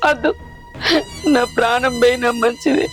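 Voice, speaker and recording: A woman's voice: a little high, steady tone, moderate pace, soft background music, natural voice. An actress playing an ailing village mother with a Telangana Telugu accent, grieving and defiant. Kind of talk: village drama acting.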